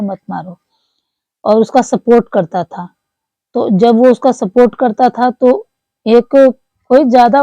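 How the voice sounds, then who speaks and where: A woman's voice: on the high side, mellow, no room sound, low-quality recording. A woman recounting a story to her viewers in earnest, repetitive commentary, often calling them friends. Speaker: commentator on online creators.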